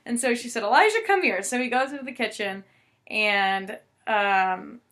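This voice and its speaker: A woman's voice: mid-range voice, a little slow, sharp tone. A young woman casually telling a story, chatty, with fillers and quoted dialogue.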